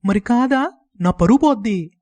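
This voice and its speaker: A man's voice: high voice, lively intonation, normal speed, warm tone, no room sound, pitched above the performer's own voice. A man voicing a teasing, sarcastic village barber with a mocking way of talking.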